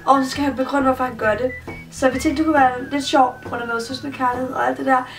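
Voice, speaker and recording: Chatty high-voiced young woman vlogging. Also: fairly even intonation, recorded from a distance. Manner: teasing, chatty, hums and sings bits. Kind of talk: casual chat. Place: home bedroom. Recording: voice a bit off-mic with loud music behind.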